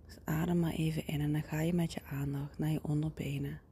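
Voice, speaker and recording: A woman leads a guided body-scan relaxation in a soft whisper close to the ear, giving slow, soothing instructions. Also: deep voice, level tone, a little hiss or hum. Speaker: guided meditation leader.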